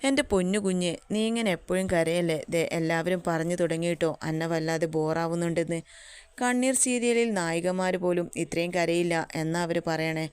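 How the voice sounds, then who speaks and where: A woman's voice: fairly low pitch, moderate pace, smooth, no echo, close to an everyday voice. A woman reading as a tender young male lover. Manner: soothing, gently teasing. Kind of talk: storybook dialogue reading.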